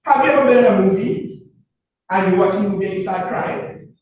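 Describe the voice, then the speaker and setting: High-voiced man, echoey room, far off. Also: brisk, darkish tone. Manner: keeps checking in with the room, asking 'right?'; repeats phrases for emphasis. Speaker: presenter at a business information session. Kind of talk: motivational talk to a live group. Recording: very echoey room, far from the mic, faint noise.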